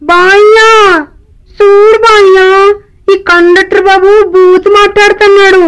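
A woman playing a shy, flustered young village woman on a crowded bus, whiny and coy, with drawn-out pleading. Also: extremely high pitch, level tone, fairly bright tone, soft background music. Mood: coy, fussing.

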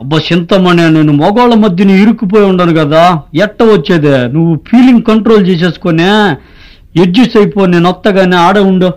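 A man's voice: high-pitched, a little fast, a little mellow, lightly acted. A man playing a patient companion who coaxes and placates the woman beside him. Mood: placating. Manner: coaxing, placating.

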